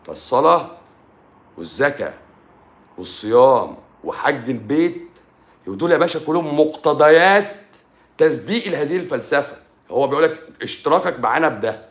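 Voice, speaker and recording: A man's voice: fairly high pitch, lively intonation, brisk, long pauses. A man with an Egyptian Arabic accent giving an informal livestream talk on faith and philosophy, colloquial and repetitive, often calling the listener "pasha".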